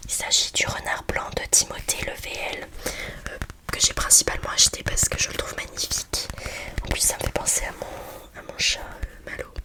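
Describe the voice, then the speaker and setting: A woman speaks in a soft library whisper, presenting children's books for ASMR in a casual, hesitant, chatty way. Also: a little fast.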